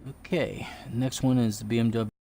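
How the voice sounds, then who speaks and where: A man's voice: mid-range voice, fairly even intonation, moderate pace, warm tone. A man in his fifties chatting casually to his live stream audience while playing a racing game. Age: 50s. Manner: chatty, rambling, talks to live chat. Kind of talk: casual gameplay commentary.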